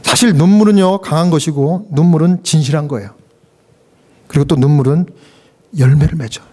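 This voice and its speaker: A man with a high voice preaches a sermon with deep feeling. He talks straight to his congregation and asks them questions. His pitch leaps sharply in his most stirring moments. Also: brisk, dark tone, a little hiss or hum. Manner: emotional preaching with sudden pitch leaps and acted quotes. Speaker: pastor.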